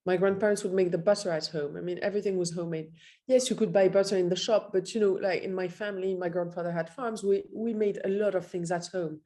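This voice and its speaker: A woman's voice: fairly low pitch, fairly even intonation, fast talker, dark tone. A middle-aged woman from Morocco, a nutritionist and interview guest, telling her story in a direct, matter-of-fact way. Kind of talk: interview answers.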